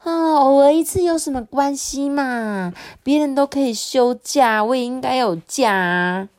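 Woman voicing a squeaky, teasing storybook rice cooker, little-girl pitch. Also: normal speed, darkish tone. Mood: wheedling.

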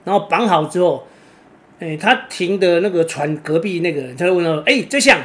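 Taiwanese mandarin guy, slightly high voice, rambling story, lots of "oh" fillers. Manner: rambling, fills pauses with drawn-out "oh"s, restarts words. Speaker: kitesurfer vlogger. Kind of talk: casual storytelling.

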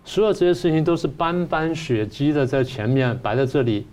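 A man's voice: a little high, fairly even intonation, brisk, a little mellow. A man, a professor giving political commentary who argues his point through repeated rhetorical questions. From Taiwan.

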